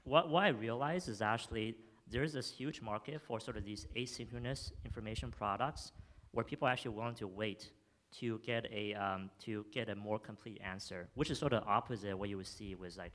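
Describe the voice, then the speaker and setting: A young man with a lowish, fairly bright voice talks a little fast as he presents his startup's product live on a theater stage using a handheld mic. He is eager, restarts frequently, and leans on fillers through the demo and the audience Q&A that follows.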